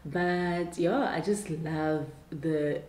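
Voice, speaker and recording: This young South African woman talks extremely slowly in a low, darkish voice with a steady tone, casually addressing the camera for her lifestyle vlog. She's indoors at home, moving between kitchen and bedroom, and the recording carries roomy echo and noticeable background noise.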